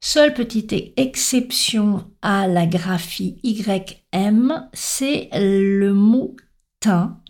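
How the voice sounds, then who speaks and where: A woman gives a slow, deliberate spoken lesson on sounds. Her voice is soft and mellow, and she spells out letters one by one with clear stress on each example word. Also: mid-range voice. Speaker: French pronunciation teacher.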